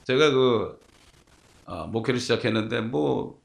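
A man's voice: medium pitch, measured pace, creaky. A male pastor preaching a sermon, telling stories and asking the congregation rhetorical questions.

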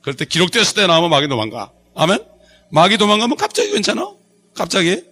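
A man's voice: high voice, wildly swooping pitch, quick pace, bright, forceful tone, breathy edge. A middle-aged male pastor preaching a Bible study sermon, quizzing the congregation and joking with them. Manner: call-and-response preaching, asks the congregation questions; jokes and laughs with the congregation.

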